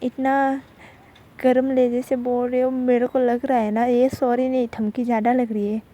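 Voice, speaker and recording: A woman's voice: fairly high pitch, little pitch movement, normal speed, mellow, dull audio, lightly acted. A woman voicing a touchy, easily irritated young college girl in a told love story. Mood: huffy. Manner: huffy, complaining.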